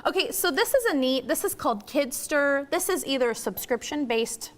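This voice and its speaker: A woman's voice: sits high, animated, normal speed, fairly bright tone. A woman, a lifestyle expert, enthusiastically showing products as a guest in a TV studio. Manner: bubbly, enthusiastic. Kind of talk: TV studio product demo chat.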